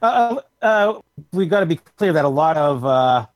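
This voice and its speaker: A man's voice: on the high side, sing-song, normal speed, no echo. A man in a casual group discussion, hesitant with many fillers, his microphone clipping and cutting in and out. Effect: clipping, distorted microphone cutting in and out.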